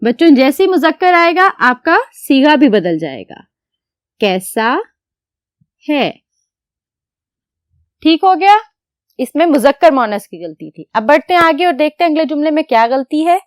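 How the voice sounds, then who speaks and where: A woman teacher giving a lesson to young students, explaining patiently step by step and asking questions that she answers herself, then dictating words slowly as she writes. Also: sits high, big pitch swings, dry recording, studio quality. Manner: dictates slowly while writing. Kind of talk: classroom lecture to children.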